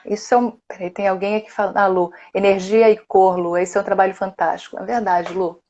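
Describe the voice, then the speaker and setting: A middle-aged woman, a speech therapist, hosts a casual online live chat with warm enthusiasm, often ending sentences with a questioning "né?" Her medium-pitched voice is level and fairly quick, and the recording sounds muffled.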